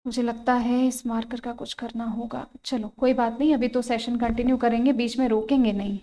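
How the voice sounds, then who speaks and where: A woman with an Indian accent teaching an online English grammar lesson, repeating key phrases and spelling words out slowly. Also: a little high, little pitch movement, warm tone, low-quality recording.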